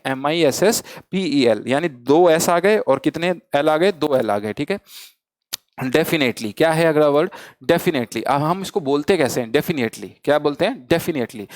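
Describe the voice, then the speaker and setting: Guy teaching an online class in hindi, fairly high voice, dry, keeps repeating words. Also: dry recording. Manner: drills spelling letter by letter, asks and repeats answers; mixes Hindi and English. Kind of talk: online vocabulary lesson.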